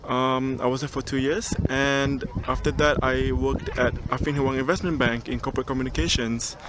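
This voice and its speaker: A young man recording a casual video cover letter outdoors on a mountain top, relaxed and chatty, with frequent ums and restarts. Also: mid-range voice, moderate pace. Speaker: job applicant. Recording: outdoor recording with clear background noise.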